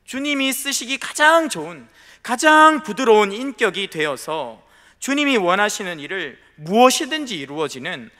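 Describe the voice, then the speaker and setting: Pastor guy preaching, high bright voice that jumps all over, church echo. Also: sing-song, moderate pace. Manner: storytelling, emphatic, addresses congregation directly. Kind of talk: sermon. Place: church sanctuary.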